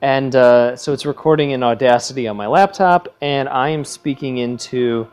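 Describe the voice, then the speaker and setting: A man's voice: medium pitch, normal speed, darkish tone, clear, resonant tone. A young man co-hosting a podcast, casually rambling through a solo audio commentary from his living room on a phone headset. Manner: rambling, self-correcting, chatty asides. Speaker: podcast co-host. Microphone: headset plugged into phone.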